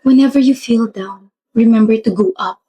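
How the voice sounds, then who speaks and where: A woman's voice: on the high side, moderate pace, warm tone, breathy edge. A woman with a Filipino accent acting out a comedy skit in a bubbly, flirty way. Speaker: skit actor.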